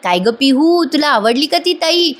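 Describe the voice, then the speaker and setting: A woman playing a gentle, coaxing young sister-in-law. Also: high-pitched, expressive, normal speed, pitched above the performer's own voice.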